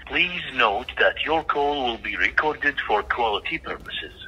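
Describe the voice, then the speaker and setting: A man's voice in a recorded phone menu message, giving formal, measured prompts over a phone line. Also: mid-range voice, animated, bright, forceful tone, slightly rough. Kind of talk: scripted phone system prompts.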